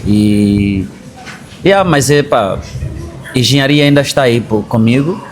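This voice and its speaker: A man from Bié, Angola, with an Angolan accent, appears as a guest in a conversational political interview. His mid-range voice has lively intonation and an unhurried pace as he explains things, often rephrasing himself, over slight background noise.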